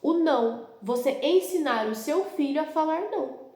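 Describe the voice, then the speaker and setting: A woman with a Brazilian Portuguese accent, a parenting educator explaining calmly at home in an instructional video. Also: sits high, normal speed. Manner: calm explanatory, acts out parent-child dialogues. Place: her home. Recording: roomy echo.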